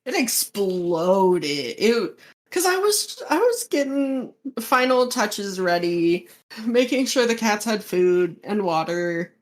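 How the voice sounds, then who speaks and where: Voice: mid-range voice, sing-song, takes it slowly. A young adult podcast co-host trading playful, joking banter in casual chat.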